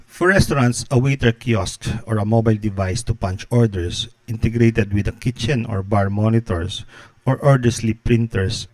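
A man in his thirties talks through a prepared tutorial in a measured, explanatory voice. He sits close to a podcast microphone in a small home studio. The sound is dry, with almost no room echo. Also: medium pitch. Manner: steady explanatory delivery, occasional filler. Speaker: host, business consultant. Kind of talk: scripted tutorial narration. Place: home studio with guitars on the wall. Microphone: close podcast mic in frame.

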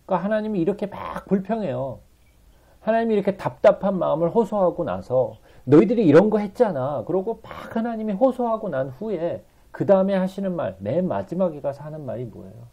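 Guy preaching a bible study, gravelly voice, keeps asking the room questions, kinda muffled recording. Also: high-pitched, big pitch swings, a little fast, mellow. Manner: emotional, pleading delivery. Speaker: Bible teacher.

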